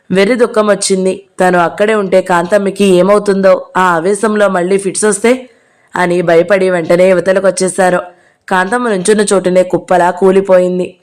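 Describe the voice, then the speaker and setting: A woman narrates an audio novel in a steady, clear reading voice. Her voice sits at a middle pitch, and she reads at an even pace. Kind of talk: scripted narration.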